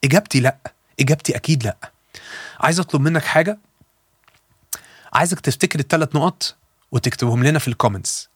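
Husky-voiced Egyptian preacher. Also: male voice, a little high, no echo. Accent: Egyptian Arabic. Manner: earnest storytelling, slows down for emphasis. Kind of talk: sermon.

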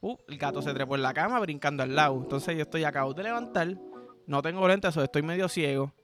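A man's voice: a little high, fast talker, over music. A man with a Puerto Rican accent hosting a podcast, telling crude, playful stories in a rambling, slang-heavy comedic monologue. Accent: Puerto Rican Spanish. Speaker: podcast host.

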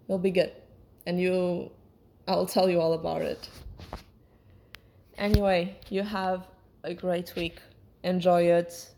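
Lower-voiced woman in casual reflective monologue. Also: darkish tone. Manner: hesitant, searching for words, self-correcting. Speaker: solo podcast host.

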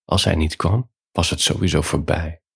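Deep gravelly man reading a bedtime story. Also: steady tone, normal speed, a bit bright. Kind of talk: scripted bedtime story narration.

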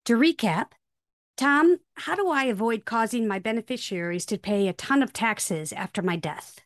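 A woman's voice: on the high side, animated, normal speed, no echo, clean studio sound. A woman hosting and announcing a podcast, reading from a script.

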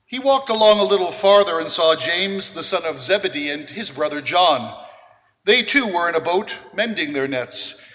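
A priest with a high, bright voice reads the gospel and preaches in a measured, deliberate way, pausing between phrases. Every word carries a long cathedral echo, as if spoken in a large church. It sounds like a man giving a homily from the front of a big, open nave. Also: lively intonation.

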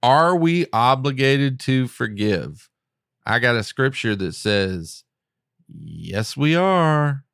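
Smooth-voiced man in casual faith chat. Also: mid-range voice, very animated, slow pace, a bit bright, dry recording, clean studio sound. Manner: laid-back, reads scripture aloud with fillers. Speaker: podcast co-host.

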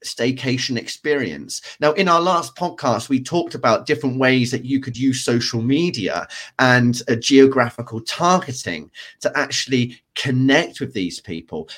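A man co-hosting a podcast, talking in a lively, animated way. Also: medium pitch. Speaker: podcast co-host. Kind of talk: casual podcast discussion.

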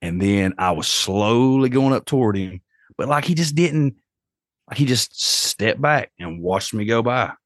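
A man's voice: mid-range voice, lively intonation, unhurried, no room sound, studio quality. A man with an Appalachian accent telling a story casually on a podcast, in a folksy, slangy way. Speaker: podcast host.

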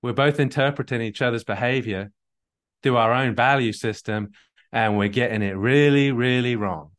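An English man coaching on a live call, explaining a point with quick restarts and acted-out quotes. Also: mid-range voice. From England.

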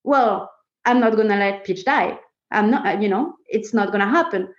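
Here a woman co-founder of a startup talks with emphasis in a relaxed interview, leaning on startup jargon and phrasing English like a non-native speaker. She has a mid-range voice at a normal speed, recorded with a muffled, echoey room sound.

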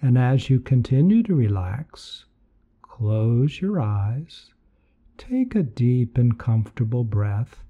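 A man leading a guided meditation in a soothing, gentle, unhurried manner that softens at times toward breathiness. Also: mid-range voice, big pitch swings, dull audio. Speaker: meditation podcast host.

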